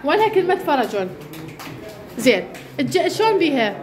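A woman teacher with an Iraqi Arabic accent, leading a classroom lesson and briskly quizzing pupils by name. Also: high-pitched, very animated, over music, a crowd in the background. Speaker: primary school teacher. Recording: echoey classroom with background noise.

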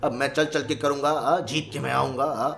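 A man doing excited gameplay commentary, switching between playful cartoon character voices. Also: mid-range voice, brisk, creaky. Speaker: gaming YouTuber.

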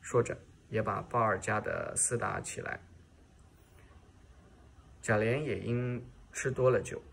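Gravelly, low-voiced male audiobook reader. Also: measured pace, a little hiss or hum. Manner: steady reading with occasional restarts. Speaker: narrator. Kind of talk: reading a classic novel aloud.

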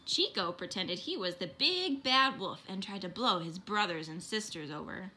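A woman's voice: mid-range voice, normal speed. Woman reading a picture book aloud. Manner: expressive, animated read-aloud. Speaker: storybook reader.

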